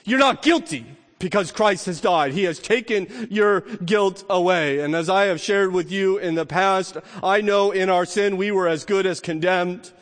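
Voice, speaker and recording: High-voiced preaching man in a reverberant church. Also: a bit bright. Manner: emphatic, rhetorical, slows words for stress. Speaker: pastor. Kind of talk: sermon. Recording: long reverb of a church hall.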